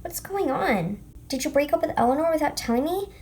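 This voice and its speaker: A woman's voice: high-pitched, sing-song, brisk, darkish tone. A woman doing Mealy, a stammering anxious toy pet. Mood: pleading. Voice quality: stammering, hesitant. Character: anxious young female toy pet, best friend. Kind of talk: amateur toy video voice acting.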